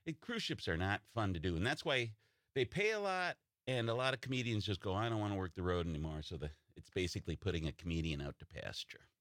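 A man with a Wisconsin accent tells comic stories in casual conversation. His pitch swings in a lively way as he slips into quoted remarks, and the sound is dry and close. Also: a little fast, no echo. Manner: animated storyteller, acts out quoted remarks. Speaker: stand-up comedian, interview guest. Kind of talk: casual chat with comic anecdotes.

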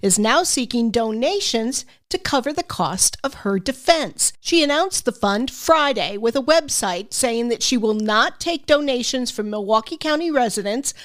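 A woman's voice: fairly high pitch, lively intonation, moderate pace, few pauses. A woman reporting radio news from a script.

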